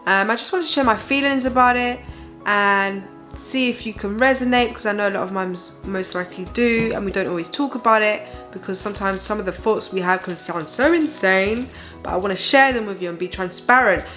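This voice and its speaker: A tired young mom and parenting vlogger speaks briskly in a mid-range, fairly bright voice, with faint music behind her. She pours out her feelings to viewers candidly and emphatically, checking in with them throughout.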